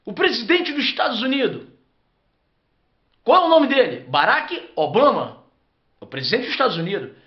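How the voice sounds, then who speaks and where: A Brazilian pastor preaches with fervor, repeating and stretching his emphatic phrases. His pitch rises and falls in wide, animated sweeps. The recording is roomy and muffled, like a lo-fi tape in a resonant space. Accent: Brazilian Portuguese. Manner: fervent, repetitive, drawn-out emphatic phrases. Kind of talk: impassioned preaching sermon.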